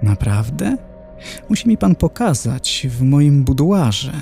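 A man's voice: mid-range voice, sing-song, slow, vocal fry, mellow, faint music behind, full character voice. A man voicing a perverse, flirtatious noblewoman in hell with a lingering, sly way of speaking.

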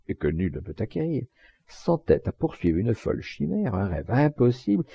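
A man narrating a literary audiobook in a measured, expressive reading with varied emphasis. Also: medium pitch, vocal fry, breathy edge, no room sound, muffled recording.

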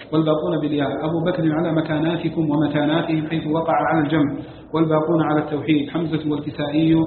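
A man reading a classical text aloud to a teacher in a fast, flat recitation, listing one item after another. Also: a little high. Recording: tinny, echoey hall recording with hiss.

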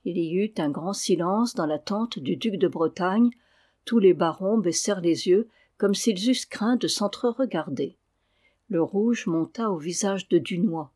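A reader narrating a classic historical novel in a steady, measured audiobook style. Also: mid-range voice.

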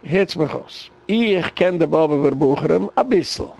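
A man's voice: a little high, expressive, a little slow, a little mellow. A man speaking with a Yiddish accent, giving an impassioned, rambling lecture as a rabbi. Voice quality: gravelly. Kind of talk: spoken lecture.

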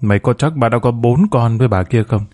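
A man voicing a bitter young woman, a student daughter, in a spoken storybook, blunt and quick. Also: medium pitch, warm tone, natural voice.

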